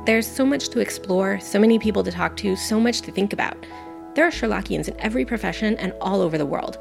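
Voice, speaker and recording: A woman reads her own essay aloud with earnest, enthusiastic warmth for her subject. Her voice carries a gravelly fry at the ends of phrases. Music plays clearly underneath her the whole time. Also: mid-range voice, fast talker. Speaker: guest podcaster. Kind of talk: reading a personal essay. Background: background music.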